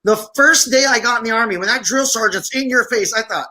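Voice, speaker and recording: A man from Syria, a guest on a podcast interview, telling stories in an animated way. His voice sits high and sounds bright and forceful, and he acts out what people said. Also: a little fast. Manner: animated, acts out quoted speech. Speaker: podcast guest, veteran filmmaker. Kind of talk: interview storytelling.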